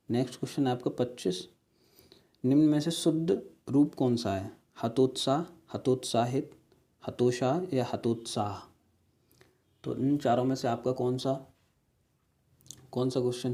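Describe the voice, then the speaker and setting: Male teacher, exam-prep spelling lesson, warm dark voice, repeats words, rhetorical questions. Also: mid-range voice. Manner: explains step by step, repeating words and "ठीक है"; asks rhetorical questions to viewers.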